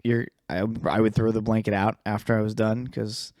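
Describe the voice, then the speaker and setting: A man's voice: on the low side, flat delivery, normal speed, darkish tone, dry recording, studio quality. A man co-hosting a podcast in casual chat, rambling and swearing, often losing his train of thought. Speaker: podcast co-host.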